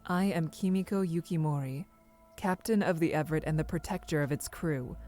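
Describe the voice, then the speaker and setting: A woman's voice: low voice, a little fast, dark tone, soft background music, close to an everyday voice. A woman voicing a stern, duty-bound female starship captain in a game, speaking formally in clipped sentences. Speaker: ship captain. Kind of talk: game voice acting.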